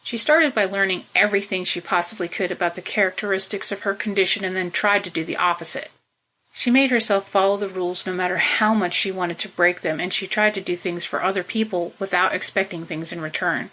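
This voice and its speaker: A woman narrating a science fiction novel as an audiobook, in a steady, measured storytelling manner. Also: medium pitch, poor audio.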